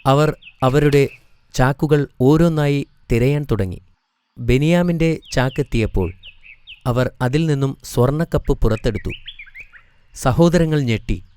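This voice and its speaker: A man narrating a scripted children's story in a steady storytelling manner. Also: mid-range voice, a little slow, pauses often, smooth.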